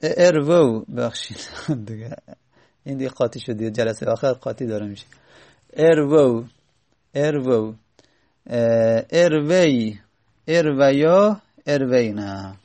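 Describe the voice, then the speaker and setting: Guy teaching grammar, gravelly voice, says each word form over and over, fixes his own slips. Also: medium pitch, expressive, warm tone. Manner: slow, repeats and spells out word forms, corrects himself aloud. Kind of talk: spoken grammar lesson.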